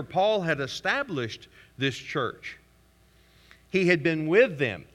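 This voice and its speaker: A man's voice: on the high side, a bit bright. A man preaching a sermon as pastor, reading scripture aloud with pointed sarcastic emphasis. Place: church sanctuary. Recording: reverberant church hall.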